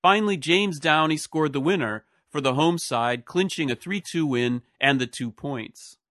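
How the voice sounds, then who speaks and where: A man's voice: on the high side, moderate pace, a bit bright, dry recording, studio quality. A man reading a scripted history narration as a podcast host. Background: music.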